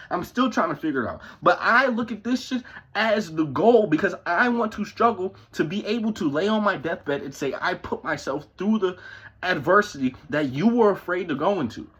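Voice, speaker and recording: A man's voice: high voice, a bit bright, slightly rough, lo-fi sound. A man in his twenties delivering a profane, confrontational motivational rant at home, swearing constantly. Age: 20s. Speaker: vlogger. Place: his parents' house.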